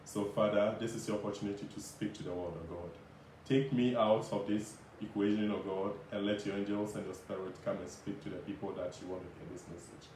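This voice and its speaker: A man singing a solemn, repetitive gospel warning in drawn-out phrases. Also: lowish voice, fairly even intonation, a little mellow. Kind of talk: slow sung gospel refrain about judgment. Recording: very echoey, distant mic, faint noise.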